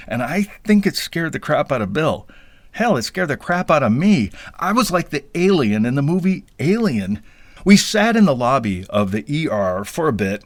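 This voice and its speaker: A man's voice: mid-range voice, no echo. Wry man telling a comic tale. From US Midwest. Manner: wry, self-deprecating, playfully dramatic. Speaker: podcast storyteller. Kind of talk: comic first-person storytelling.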